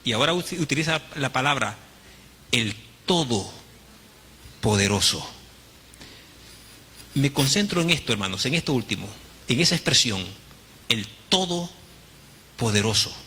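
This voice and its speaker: A man's voice: mid-range voice, animated, fast talker, sharp tone, long reverb tail, a little hiss or hum. A man with a Honduran Spanish accent preaching a sermon, teaching his congregation and calling them brothers. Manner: teaching, addresses congregation as brothers, dramatic quoted voices. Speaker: pastor.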